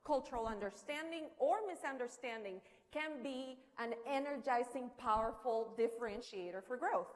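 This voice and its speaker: Lady giving a keynote, high voice, big hall echo, chatty storytelling, asks the crowd questions. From Colombia. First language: Spanish. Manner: animated storytelling with rhetorical questions and humor. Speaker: keynote speaker. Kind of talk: conference keynote speech. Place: conference hall. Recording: long hall reverb.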